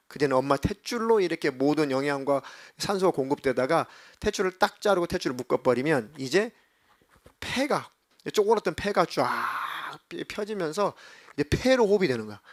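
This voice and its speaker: A man's voice: fairly high pitch, moderate pace, dry recording, clean studio sound. A middle-aged male pastor giving a youth sermon, telling a story and acting out the people in it, playfully scolding his listeners. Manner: animated, acts out quoted voices, scolds listeners playfully.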